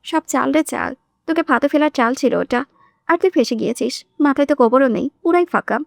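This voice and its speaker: A woman's voice: sits high, a little fast, gravelly, no room sound, clean studio sound. Woman voicing a hot-tempered jealous young man. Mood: scornful. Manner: curt and scornful.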